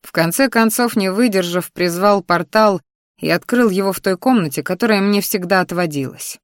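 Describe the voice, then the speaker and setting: A woman narrating a first-person novel in a steady, intimate storytelling manner. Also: medium pitch, normal speed, no echo, clean studio sound. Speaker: audiobook narrator.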